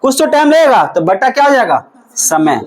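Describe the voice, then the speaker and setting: Guy teaching physics to a classroom, really high voice, keeps asking the class and repeating stuff. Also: sing-song, moderate pace, low-quality recording. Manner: quizzes the class, repeating questions and answers.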